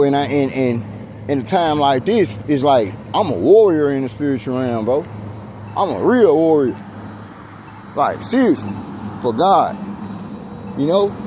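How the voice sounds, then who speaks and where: A slightly high male voice with a darkish tone belongs to an exasperated American vlogger walking outdoors on a street. He vents and preaches in casual, emphatic, repetitive speech. The recording is handheld and outdoors, with street noise.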